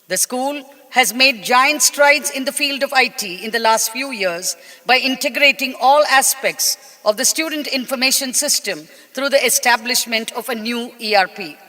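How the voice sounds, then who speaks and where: A woman's voice: fairly high pitch, pushed and bright. Posh Indian woman speaking in a reverberant hall. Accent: educated Indian English. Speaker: school principal giving a welcome address. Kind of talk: formal scripted ceremonial speech.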